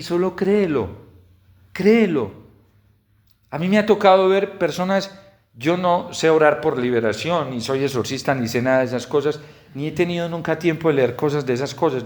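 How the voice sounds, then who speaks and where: Man preaching a homily. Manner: builds to loud high-pitched exhortations; storytelling with lively quoted dialogue.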